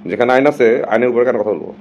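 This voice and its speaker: A man's voice: mid-range voice, fast, a little mellow, lo-fi sound, slight background noise. A man from Bangladesh, talking casually and emphatically to his viewers on a live stream and slipping English phrases in.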